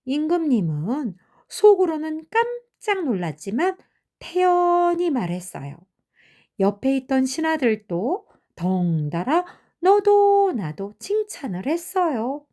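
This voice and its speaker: An older woman tells fairy tales to children in a slow, gentle storyteller's pace. Her high voice rises and falls expressively, with big swings in pitch.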